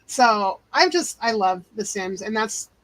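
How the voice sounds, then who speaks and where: A middle-aged woman hosting a casual live stream chat, animated and chatty. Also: medium pitch, measured pace, crowd noise, rough recording. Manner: animated, chatty, says y'all. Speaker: channel host.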